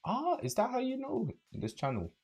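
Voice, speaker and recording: A young man with a London accent chatting casually with viewers on a livestream, relaxed and rambling with many fillers. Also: extremely high pitch, normal speed, vocal fry, breathy edge, faint music behind. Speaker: streamer.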